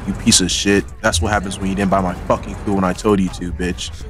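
A man's voice: deep voice, little pitch movement, a little fast, a bit bright, soft background music, voice pushed down. A man voicing a cocky, threatening young street bully in an overacted anime dub parody, taunting and swearing. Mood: scornful, threatening.

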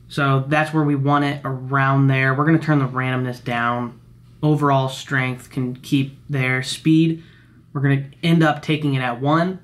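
A young man casually teaching video editing step by step, explaining each click in a relaxed, slangy way while recording his screen at home. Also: medium pitch. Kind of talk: screen-recorded software tutorial.

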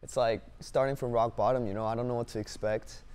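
A young man, a singer-songwriter born in South Korea and raised in Canada, answering interview questions in a relaxed, upbeat way with lots of fillers, on a lapel mic in a dim studio. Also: medium pitch, a little fast, smooth. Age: young adult. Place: dim indoor studio set.

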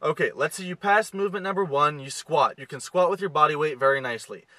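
Bright-voiced young man coaching from a car. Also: on the high side, fast, dry recording, rough recording. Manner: steady, instructive, step-by-step. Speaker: fitness coach. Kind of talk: direct-to-camera fitness tips. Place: inside a parked car. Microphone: camera close to the face.

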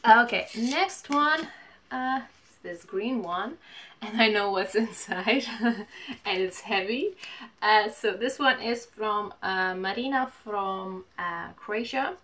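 A woman in her twenties chatting casually while opening mail at home, gushing and reading letters aloud haltingly. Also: medium pitch, pushed and bright. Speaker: vlogger. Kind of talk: casual unboxing chat. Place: small home room, indoors.

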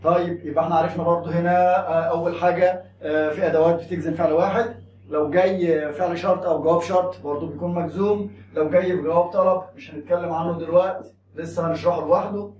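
A man's voice: fairly high pitch, fairly even intonation, fast, darkish tone, reverberant, far from the mic, a little hiss or hum. A man with an Egyptian Arabic accent teaching a grammar lesson, explaining step by step and asking and answering his own questions.

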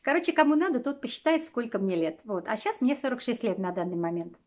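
A woman in her forties from Russia talks casually to a camera set close in front of her, in a slightly high voice. She rambles along with many fillers and little laughs, recorded in a small wood-panelled room. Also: animated, fast. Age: 40s. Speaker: vlogger.

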